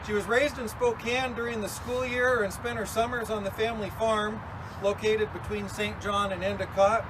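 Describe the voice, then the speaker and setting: A man's voice: sits high, flat delivery, moderate pace. A man officiating a funeral, delivering a eulogy in a conversational, folksy way with casual asides. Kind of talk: eulogy at a graveside service. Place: outdoors at a graveside. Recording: clear outdoor noise, passing vehicles. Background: outdoor ambience and vehicle noise.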